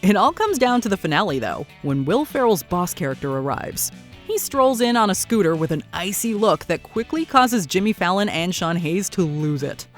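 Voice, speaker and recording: A woman's voice: on the low side, sing-song, normal speed. Woman narrating a countdown over light music. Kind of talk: scripted narration. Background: background music.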